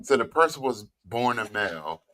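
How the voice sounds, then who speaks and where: A man's voice: medium pitch, very animated, normal speed, a crowd in the background. A man, a military veteran, talking casually on a panel and often filling his speech with "you know what I mean.". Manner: conversational, hedging with frequent fillers.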